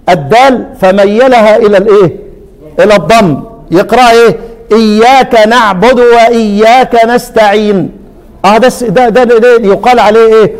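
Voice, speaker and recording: A man's voice: high voice, darkish tone, long reverb tail. A man teaching a class on Quran readings in Egyptian Arabic, often asking a question and answering it himself.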